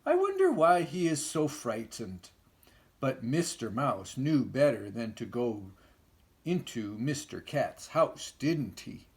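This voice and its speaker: Slow, animated grandpa voice reading a story. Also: male voice, fairly high pitch. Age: older. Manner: grandpa voice, slow gentle explaining to a small child. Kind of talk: children's picture-book storytelling.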